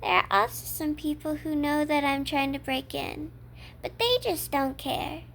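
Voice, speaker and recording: A woman's voice: high-pitched, fairly even intonation, unhurried, fairly bright tone, a little hiss or hum. A woman playing a cheerful, obsessive yandere kidnapper in an ASMR role-play, talking coyly and matter-of-factly to a captive listener. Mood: deadpan, teasing. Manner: matter-of-fact, coy, addresses the listener as captive.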